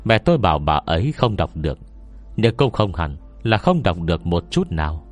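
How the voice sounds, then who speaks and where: A man's voice: sits low, sing-song, normal speed, faint music behind. A man voicing a reserved scholar who solemnly recounts memories in an audiobook story. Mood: measured. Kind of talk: audiobook character dialogue.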